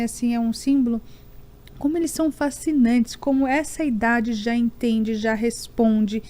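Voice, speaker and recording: A Brazilian woman talks as a podcast guest in a lively, easygoing way. Her voice sits high, and she laughs often between quick restarts. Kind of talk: casual chat.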